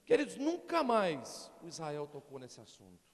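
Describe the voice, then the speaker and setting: A middle-aged male pastor preaching a sermon, animated and constantly appealing to the congregation. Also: on the high side, moderate pace, in a large hall. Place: church.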